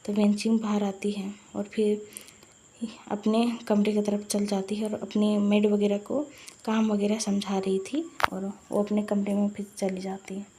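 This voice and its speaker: A woman's voice: medium pitch, completely flat delivery, a little slow, mellow, slight background noise. A woman narrating a fan-fiction story in a chatty, retelling way, with lots of fillers.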